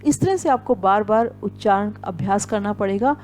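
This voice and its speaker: A woman's voice: medium pitch, normal speed, a little mellow, slight background noise. A woman teaching Hindi pronunciation, saying each sound and example word several times over and checking in often. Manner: frequent "ठीक है" check-ins. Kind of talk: pronunciation lesson.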